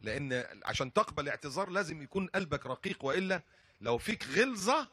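An older Upper Egyptian preacher who tells his sermon as a stream of funny anecdotes, talking fast with wide swings in pitch. His voice is raspy and bright and sits a bit high for a man. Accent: Upper Egyptian Arabic. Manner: lively storytelling, jokes and laughs.

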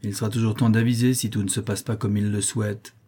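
A man's voice: on the low side, little pitch movement, fast talker, warm tone, breathy edge. A man reading an audiobook, voicing a proud, curt widowed mother in a raised voice. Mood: scolding. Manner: curt and scolding. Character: stern widowed mother, sharp-tongued, proud.

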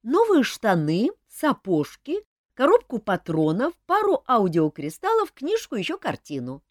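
Female reader plays emphatic young woman, high, wide-ranging pitch. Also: huge pitch swings, measured pace, no echo, clean studio sound, heavily acted. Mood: chatty. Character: young woman, emotional, quick-tempered.

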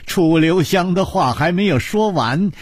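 A man narrating a martial-arts romance as a storyteller, expressive and drawn out. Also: high-pitched, breathy edge, no echo, clean studio sound.

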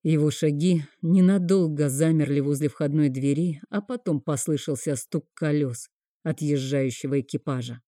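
Woman reading a novel in first person, low dark voice, dry close recording. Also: moderate pace, dry recording. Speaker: audiobook reader.

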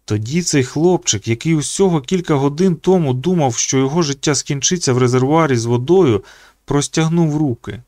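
A man's voice: brisk, warm tone, dry recording. Man reading an audiobook, dry close sound. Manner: reads expressively, pitching up for the children's quoted lines. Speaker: audiobook narrator. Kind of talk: scripted audiobook narration.

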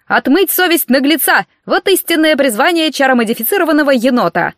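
A woman's voice: high voice, lively intonation, normal speed, a bit bright, no echo, studio quality, voice pushed up. A woman voicing a gleeful, boastful enchanted male raccoon from a storybook, declaiming pompously. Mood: gloating.

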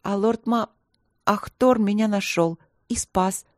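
A woman's voice: medium pitch, slow, a little mellow, no echo, clean studio sound, pitched above the performer's own voice, natural voice. A woman voicing a shy, curious young princess who is easily embarrassed.

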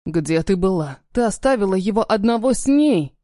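A woman's voice: mid-range voice, animated, normal speed, dark tone, no room sound, clean studio sound, natural voice. A woman voicing a stern, cold-tempered man who speaks in clipped, commanding lines.

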